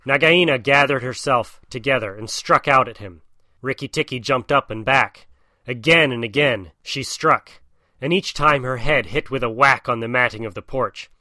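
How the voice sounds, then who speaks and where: A man narrating a storybook in an expressive, animated way. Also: medium pitch, moderate pace, dry recording, clean studio sound. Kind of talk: storybook reading.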